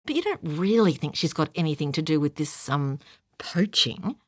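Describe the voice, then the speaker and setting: A woman's voice: deep voice, animated, moderate pace, dry recording, studio quality. A woman voicing a hesitant, worried woman friend in an audiobook.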